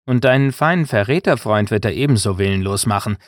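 A man's voice: on the low side, moderate pace, a bit bright, no room sound, clean studio sound, natural voice. A man doing a defiant scornful young prisoner.

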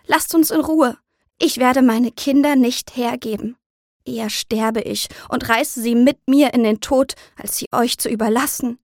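A woman voicing a starving young mother cornered in her home, crying out with a shaking, frantic voice. The voice is high and pushed. The recording is dry and close. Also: unhurried, no room sound, lightly acted. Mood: desperate. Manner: trembling, pleading, shouting.

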